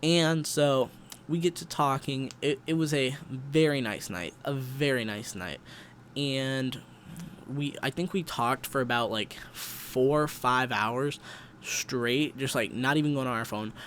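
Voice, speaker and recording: A man's voice: medium pitch, unhurried, a little hiss or hum. Rambling young man telling a story. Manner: rambling slangy storytelling, stumbles on restarts, sudden loud quoted shouts. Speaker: storyteller vlogger. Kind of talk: casual storytelling.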